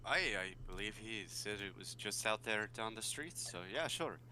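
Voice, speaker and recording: A man's voice: on the low side, animated, normal speed, sharp tone, slight background noise. A man playing a tabletop game, speaking hesitantly as he thinks aloud about his moves. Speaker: player.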